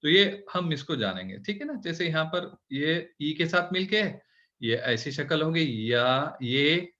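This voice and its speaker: A male teacher walks beginners through letter shapes, patient and methodical. His voice is bright and forward. The recording sounds dull and lo-fi. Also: a little high, animated, a little slow. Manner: patient, explaining step by step, opening with prayers. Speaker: Urdu teacher. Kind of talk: online language lesson.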